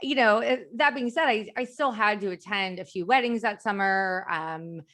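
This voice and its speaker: A woman's voice: mid-range voice, moderate pace, fairly bright tone. An American woman in her thirties with a slight lisp and slushy s sounds, chatting casually and self-deprecatingly as an interview guest. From Chicago area, United States. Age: 30s. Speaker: company founder, interview guest.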